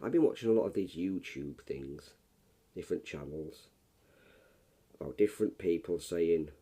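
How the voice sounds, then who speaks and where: A middle-aged man, hoarse and coughing after just waking up, giving a rambling, blunt, swearing early-morning rant. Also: sits low, lively intonation, normal speed, warm tone. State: hoarse, coughing, frog in throat. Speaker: YouTuber.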